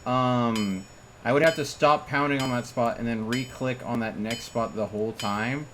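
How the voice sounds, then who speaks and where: This man streams a game live, muttering casual commentary to himself at normal speed in a medium-pitched voice, while noise is clearly audible behind him.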